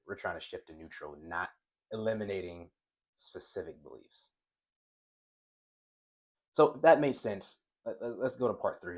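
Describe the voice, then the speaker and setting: A man teaching trading at a whiteboard in a casual way, who stutters and talks straight to his viewers. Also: deep voice. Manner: stutters when excited, talks to viewers as guys. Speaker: trading coach.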